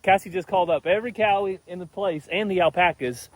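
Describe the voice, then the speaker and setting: A vlog host strolls his farm making casual, teasing conversation in a drawling, folksy style while animals sound in the background. He speaks fairly quickly, and his voice sits high.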